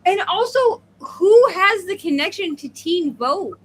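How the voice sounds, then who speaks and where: A very high-pitched, animated woman in her thirties speaks a little slowly as co-host of a casual book readalong live show. She rambles opinionatedly with emphatic asides, and the poor audio carries some hiss or hum.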